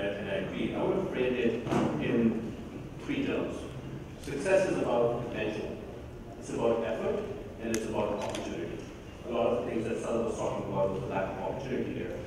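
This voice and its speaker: A man's voice: on the low side, noisy background. A man from Pakistan giving earnest, emphatic remarks as a panelist at an embassy event. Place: large hall at an embassy event. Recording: echoey hall, mic far off.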